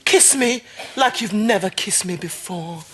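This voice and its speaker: A woman's voice: medium pitch, lively intonation, a little slow, close to an everyday voice. A woman in a sitcom, playful, flirty and theatrical. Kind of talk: sitcom acting. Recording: loud noisy TV sitcom recording.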